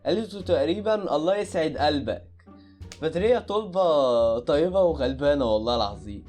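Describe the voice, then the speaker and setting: A man with an Egyptian accent giving casual reaction commentary on videos, full of loud exclamations and repeated cries of disbelief. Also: a little high, animated, fairly quick, faint music behind. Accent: Egyptian Arabic.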